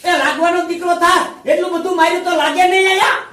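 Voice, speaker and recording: A man's voice: very high voice, level tone, quick pace, bright, forceful tone, roomy sound, distant mic. A man playing a kindly, talkative old village grandfather in a comedy skit. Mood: fond. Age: older. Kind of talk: amateur comedy film acting.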